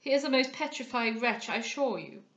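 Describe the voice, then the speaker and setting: Her pitch fairly high and her tone a bit bright, a woman talks fairly quickly and expressively, voicing a self-satisfied, dandyish captain for a dramatised audiobook. The lo-fi audio is reverberant, and the character comes across as smug and affected, sprinkling French words through his pompous speech.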